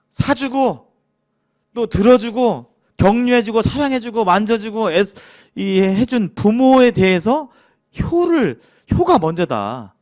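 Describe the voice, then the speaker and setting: A man with a Jeolla accent teaching a casual church Bible lecture, asking the class questions and acting out grumbling quotes. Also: high voice. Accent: Jeolla Korean. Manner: lively, acts out grumbling quotes, chuckles, asks the class questions.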